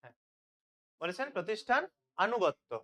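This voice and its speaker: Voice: mid-range voice, lively intonation, moderate pace, a bit bright. A teacher leading an online revision class, asking questions and then answering them, checking again and again that students follow.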